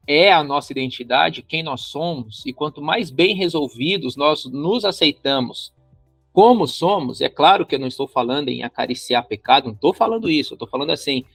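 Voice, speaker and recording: Brazilian male podcast host, fairly high gravelly voice, animated, dry close sound. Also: moderate pace, no room sound, soft background music. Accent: Brazilian Portuguese. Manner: animated, acts out quoted voices. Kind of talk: casual podcast chat.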